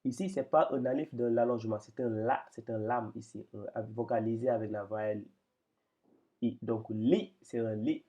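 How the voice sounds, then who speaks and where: A man with a mellow, medium-pitched voice teaches Quran reading at a moderate pace and in a steady tone. His explanatory lesson is patient and hesitant, and he often repeats words as he points things out.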